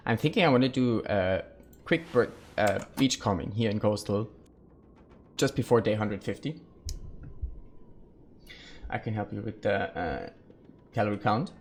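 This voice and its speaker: A man's voice: lowish voice, expressive, unhurried, pauses often, a little hiss or hum. A man live-streaming a survival game, thinking aloud and chatting casually with his viewers.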